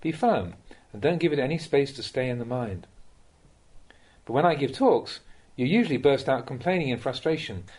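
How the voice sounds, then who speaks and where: The recording quality is poor as a man reads a Dhamma talk in the role of a monk. His medium-pitched voice is slightly husky with a darkish tone, and though animated, he stays measured and instructive, talking directly to the listener.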